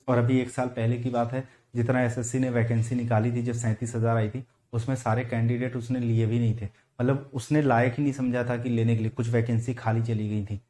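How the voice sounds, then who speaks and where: A male English teacher with a Hindi accent giving an online vocabulary lesson for exam students, explaining slowly, spelling out words and putting questions to the class. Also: medium pitch, dark tone.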